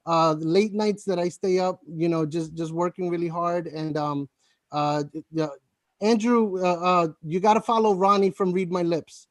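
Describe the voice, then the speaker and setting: Casting: man, high voice, volunteer thanking on a video call, stammers and restarts, dry close sound. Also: steady tone, dry recording. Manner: halting, stuttering, many restarts. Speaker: campaign volunteer. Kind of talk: casual video-call chat.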